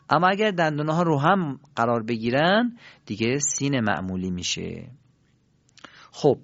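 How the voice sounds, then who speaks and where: A man's voice: medium pitch, dry recording. Man drilling pronunciation in a dull recording. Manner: careful, drawn-out syllables for learners to repeat. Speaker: pronunciation teacher. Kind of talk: pronunciation lesson with call-and-response drills.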